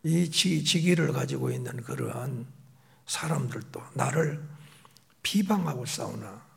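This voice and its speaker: A middle-aged male pastor preaching a sermon, moving between raised emphatic phrases and soft whispered asides. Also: mid-range voice, big pitch swings, unhurried, creaky.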